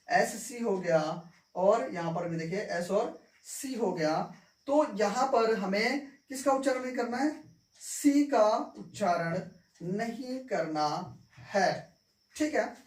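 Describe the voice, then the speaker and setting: A woman teaching an English lesson, repeating each point and checking that her students follow. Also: mid-range voice. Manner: repeats points, asks "clear?" often. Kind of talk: classroom-style lesson. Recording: echoey room, mic far off.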